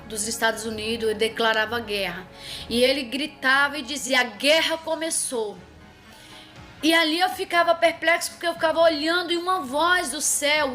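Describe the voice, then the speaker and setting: A middle-aged woman with a high voice recounts a prophetic dream as a preacher's testimony. She circles back over her words and keeps calling out to her "irmãos." Faint music plays behind her. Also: fairly bright tone.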